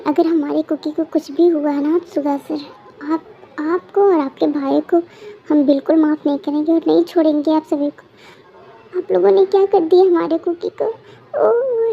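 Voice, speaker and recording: A woman's voice: sits high, level tone, a little slow, dull audio. A girl voicing a frantic protective older sister. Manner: pleading, accusing, tearful. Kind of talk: fan-made voiced love story.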